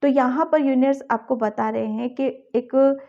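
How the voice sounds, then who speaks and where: A woman's voice: sits high, fairly even intonation, moderate pace, lo-fi sound. A woman tarot reader talking to her viewers, coaxing and encouraging them, often closing a thought with a reassuring check-in. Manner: coaxing and encouraging, with a repeated ठीक है at the ends of thoughts. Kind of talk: addressing viewers in a tarot reading.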